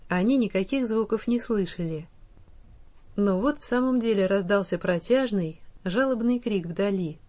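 Woman, audiobook narrator, slow measured storybook reading, mid-range pitch. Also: darkish tone.

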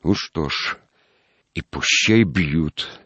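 Sulky trembling young peasant recruit, read by a man, low voice, dry close sound, storybook. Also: expressive, very slow, fairly bright tone, slightly rough, no room sound, muffled recording, heavily acted. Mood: bitter jealous.

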